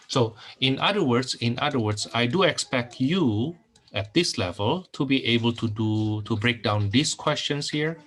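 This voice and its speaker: With a medium-pitched, slightly bright voice, a middle-aged Indonesian man delivers a recorded online math lecture over his screen. His talk is full of repeated phrases, fillers and plenty of okays.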